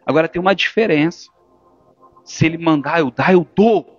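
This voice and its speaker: A man preaching a sermon as a pastor, swinging between forceful exhortation and hushed, intimate speech. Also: a little high, moderate pace. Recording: dull lo-fi church recording with faint music.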